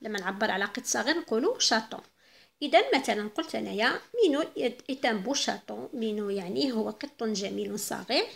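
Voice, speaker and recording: Algerian lady teaching french to kids, slow on the french bits, bit of a gravelly voice. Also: on the high side, animated. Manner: mixes Arabic and French, slows down for French phrases. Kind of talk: recorded school lesson.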